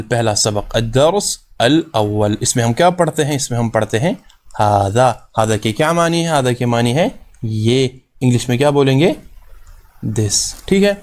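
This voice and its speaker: A man's voice: mid-range voice, darkish tone. Guy teaching arabic grammar, asks then answers himself, keeps saying it's super easy, drags out the arabic words. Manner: asks questions and answers them himself, repeats key terms; reassuring, often says it is very easy. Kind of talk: recorded grammar lesson.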